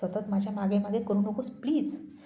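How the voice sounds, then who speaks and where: A woman's voice: medium pitch, steady tone, normal speed, dark tone, natural voice. A woman voicing an irritable young husband who talks in a snapping, exasperated way. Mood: irritated. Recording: roomy echoey recording.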